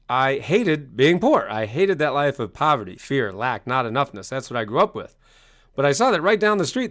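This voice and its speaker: As a guest on an interview, this success coach and author, a middle-aged man from Maine, recounts his story in a slightly bright, mid-range voice, leaning on emphasis and repeated lines like a motivational speaker.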